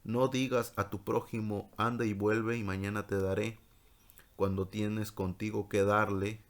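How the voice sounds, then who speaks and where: A man, a pastor, giving a sermon-style Bible study, reading scripture in a slow, measured way and explaining it. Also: on the low side, level tone.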